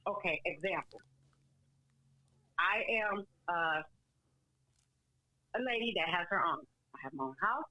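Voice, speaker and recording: A woman's voice: on the low side, sharp tone, no room sound, poor audio. Blunt middle-aged woman calling in by phone. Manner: blunt, outspoken, complaining. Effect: heard over the phone. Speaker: caller. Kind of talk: call-in radio talk.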